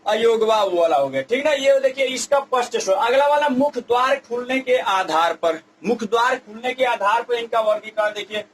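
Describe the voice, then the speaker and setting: A man's voice: very high-pitched, animated, a little hiss or hum, poor audio. A man teaching Hindi grammar in a lecture, explaining step by step and stretching out vowel sounds as examples. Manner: drawn-out demonstrative vowel sounds, repetitive explaining. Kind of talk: classroom lecture at a board.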